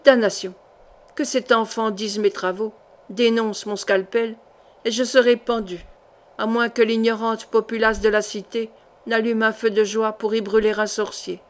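A woman reading aloud, voicing a ruthless male scholar-sorcerer who mutters intense, low threats in a storybook reading. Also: little pitch movement, moderate pace, lightly acted. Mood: furious.

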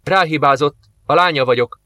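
A man's voice: a little high, bright, forceful tone, dry recording, clean studio sound, voice pushed up. A man doing a shy, cheerful young woman. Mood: friendly.

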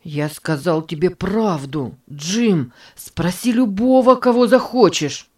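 Sincere, loyal boy in a storybook reading, low voice, read by a woman. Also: expressive, slow pace, darkish tone, husky, recorded from a distance, exaggerated voice. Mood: earnest. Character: gentle, earnest, loyal boy.

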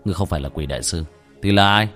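A man voicing a calm, resolute young male Taoist exorcist who speaks gravely. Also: deep voice, racing, faint music behind, pitched below the performer's own voice.

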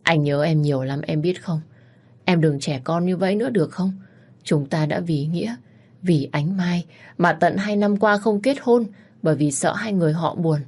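A woman's voice: on the low side, moderate pace, darkish tone. A woman reading as a worried devoted boyfriend. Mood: tender. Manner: urgent, pleading questions. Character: young man, devoted worried boyfriend, company director.

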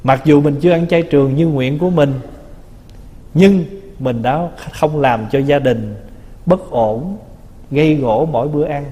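Male monk, chatty dharma talk, slightly high mellow voice, reverberant hall. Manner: conversational, teasing, acts out little quotes. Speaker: Buddhist monk teacher.

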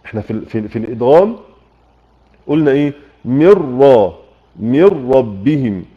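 A man's voice: medium pitch, lively intonation, fast talker. A man with an Egyptian accent teaching Quran recitation rules in an online lesson, repeating key points and quizzing his listeners. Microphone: computer microphone in voice chat room. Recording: muffled online voice chat.

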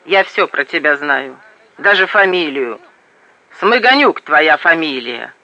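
A man voicing a terse, calm young soldier who speaks in short, dry replies. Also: unhurried, heavily acted. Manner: curt, dry, low-key. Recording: dull lo-fi audio.

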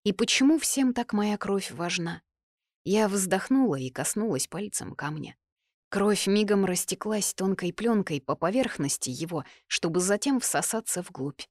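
A woman narrating a first-person fantasy audiobook in an even, wry storytelling manner. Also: mid-range voice, measured pace, dry recording, studio quality.

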